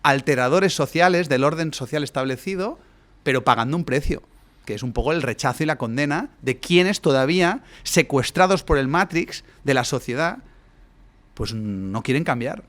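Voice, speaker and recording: Here a guest coach holds forth on a podcast, his mid-range voice animated and fairly bright at a moderate pace. He lectures at length and keeps tagging his points with rhetorical questions.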